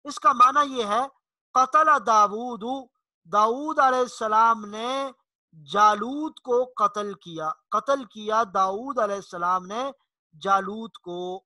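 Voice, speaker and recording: Slow, sharp-voiced man teaching recitation. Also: high voice, dry recording. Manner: patient, repeats each word and recites Arabic examples slowly. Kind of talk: religious pronunciation lesson.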